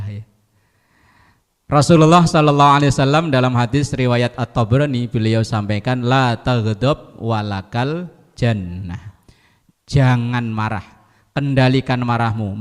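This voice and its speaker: A preacher delivers a sermon to his congregation in a lively, jokey way, telling stories and acting out the quotes. His voice is mid-range, and a long reverb tail follows his words.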